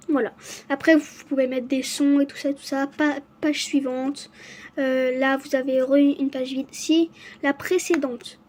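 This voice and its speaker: A woman who stutters, chatting casually to camera as she shows off her gifts, halting and apologetic. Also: sits high, warm tone. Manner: stutters, restarts words often. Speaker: vlogger showing her gifts. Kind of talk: casual unboxing chat to camera.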